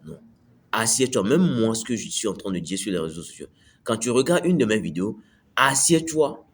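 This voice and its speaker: Speaking at a moderate pace in a lowish, sing-song voice, with a little hiss or hum on the recording, a man hosts a self-improvement video. He gives a conversational motivational talk to camera, repeating phrases and checking understanding with "tu me suis".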